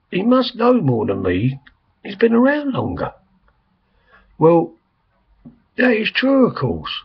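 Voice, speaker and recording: Hoarse older man with a rough, croaky voice. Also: a little high. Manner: rambling, chatty, frequent "I mean" and "um". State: hoarse, coughs, voice strained. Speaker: vlogger. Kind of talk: casual video message. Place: quiet home room. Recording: dull lo-fi home recording.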